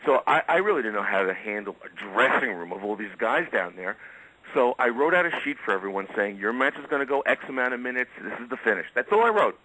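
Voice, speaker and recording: A man's voice: mid-range voice, very animated, fast, pushed and bright, poor audio. A middle-aged man telling casual anecdotes as a radio guest, chatty and chuckling often.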